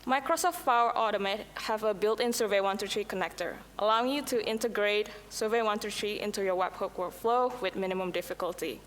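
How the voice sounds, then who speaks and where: A native Indonesian speaker reads prepared lines for a scripted software demo in a conference hall, occasionally slipping and restarting. Her medium-pitched voice is a little fast with few pauses, and there's slight background noise, long hall reverb, and faint ambience.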